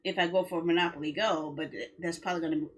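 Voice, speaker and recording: A woman with a fairly low-pitched voice talks at a quick pace on her game livestream, rambling casually to viewers. She sounds mildly complaining and self-justifying, and a steady background noise runs throughout.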